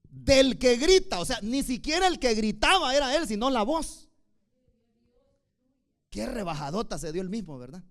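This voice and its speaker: A man preaching a sermon, emphatic, swinging between loud declarations and soft asides. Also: high voice.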